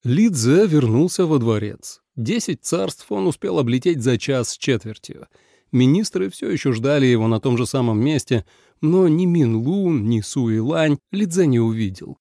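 Mellow, lively male audiobook narrator. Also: mid-range voice, normal speed, vocal fry, no echo, studio quality.

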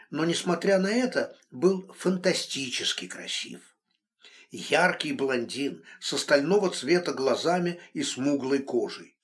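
A man reading a novel aloud as an audiobook narrator, expressive. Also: on the high side. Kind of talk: scripted narration.

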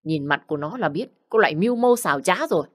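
A woman's voice: on the low side, expressive, fast. A woman voicing a cruel young woman who taunts and mocks. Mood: taunting.

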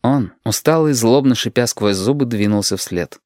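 A man narrating an audiobook with expressive storytelling. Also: medium pitch, moderate pace, no room sound, clean studio sound. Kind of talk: scripted narration.

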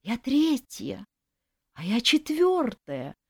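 A woman voicing a chorus of pleading female ghost brides in an audiobook, urgent and shrill. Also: very animated, slow, gravelly, slightly rough, no echo, clean studio sound, heavily acted. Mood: mournful. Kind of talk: audiobook reading.

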